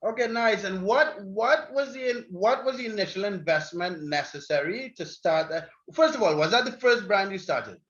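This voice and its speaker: Man hosting a video call interview, chatty and rambling, fairly high voice, dull lo-fi sound. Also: expressive, normal speed, few pauses, a bit bright. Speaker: interview host. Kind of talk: casual interview.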